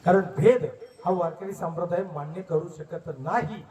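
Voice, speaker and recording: A man's voice: high voice, normal speed, dark tone. A man from Maharashtra preaching a devotional sermon, putting question after question to his listeners. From Maharashtra, India. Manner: preaching with rhetorical questions to the crowd. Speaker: kirtan preacher. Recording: echoey, distant mic with faint music.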